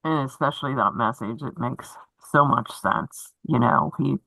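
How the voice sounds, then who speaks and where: A woman's voice: a bass voice, moderate pace, vocal fry, fairly bright tone, no room sound, low-quality recording. A woman receiving a reading, responding in an affirming way and laughing easily. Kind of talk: casual chat.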